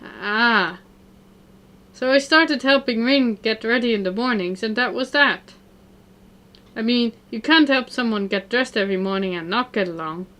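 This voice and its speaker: A woman's voice: fairly high pitch, measured pace, pushed and bright. A woman voicing a cheerful, sporty teenage girl in a visual novel, in an upbeat, bubbly manner.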